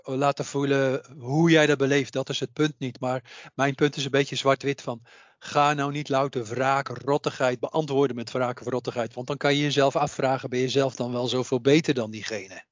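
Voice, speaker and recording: A psychic medium appears as a guest on a casual podcast, speaking earnestly and repeating phrases to drive his points home. His medium-pitched voice stays steady at a moderate pace. There's no room sound, but the audio is dull and muffled.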